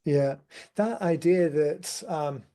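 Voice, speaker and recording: A man's voice: fairly high pitch, slow pace, dark tone. A man hosting a podcast interview, chiming in with short affirmations and then asking a question. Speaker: podcast host. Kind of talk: casual interview chat.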